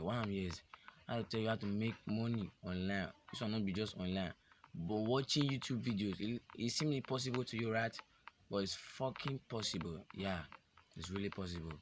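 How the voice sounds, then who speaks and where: A young Nigerian vlogger with a fairly low voice chats casually to camera, joking, rambling, and slipping into pidgin. There's slight background noise.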